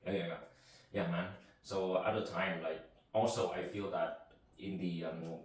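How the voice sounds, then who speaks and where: This man speaks in a deep, steady, unhurried voice. A native Vietnamese speaker, he hosts a laid-back podcast and rambles loosely through casual conversation, recorded from afar in a room with lots of echo.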